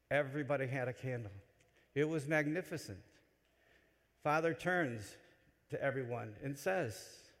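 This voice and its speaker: A man delivering a homily in a church, telling stories with animated swings between loud excitement and quiet asides. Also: medium pitch. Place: large church. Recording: long church reverb. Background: church hall.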